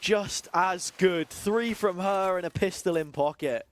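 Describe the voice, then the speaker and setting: A man's voice: high-pitched, measured pace, slight background noise. A British man casting an esports match with a joking, easygoing manner, laughing often as he calls the action. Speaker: esports caster. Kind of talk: esports commentary.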